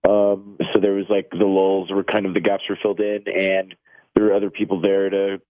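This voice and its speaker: Halting male caller on a dull line. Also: low voice, monotone, no echo. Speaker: radio show caller. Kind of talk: casual conversation on air. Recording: dull band-limited phone line.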